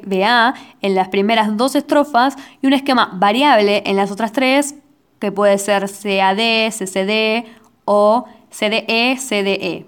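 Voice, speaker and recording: A woman with an Argentine accent hosting a casual teaching podcast, playful and self-mocking, spelling out syllables slowly as she explains. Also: mid-range voice. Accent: Argentine Spanish. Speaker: podcast host.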